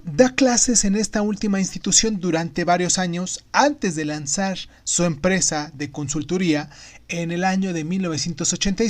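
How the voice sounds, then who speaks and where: A man hosting a podcast, narrating a semi-scripted book summary with emphatic stresses on phrases. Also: fairly high pitch. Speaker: podcast host.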